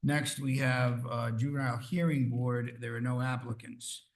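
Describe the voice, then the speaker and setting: A man chairing a town council meeting in a council chamber, brisk and informal. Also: mid-range voice, fairly even intonation.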